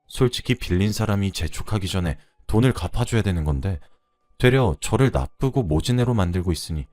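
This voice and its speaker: A man reading a first-person story aloud in a conversational, lively way. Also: low-pitched, no echo, clean studio sound.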